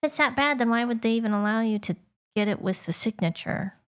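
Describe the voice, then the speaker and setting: A woman co-hosting a podcast, tossing in skeptical questions and quick asides in casual chat. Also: a little high, a bit bright. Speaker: podcast co-host.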